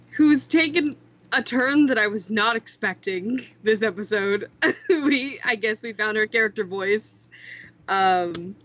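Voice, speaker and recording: A woman's voice: mid-range voice, fairly bright tone. A woman player in a tabletop game chatting casually, laughing and cheerfully swearing. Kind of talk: casual out-of-character chat. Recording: dull lo-fi mic.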